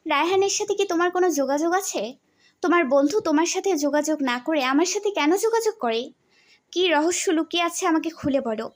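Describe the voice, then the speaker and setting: A man's voice: very high voice, lively intonation, brisk, voice pushed up. A man voicing a young wife who questions her husband insistently in an audio story. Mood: demanding. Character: young wife, pressing and suspicious.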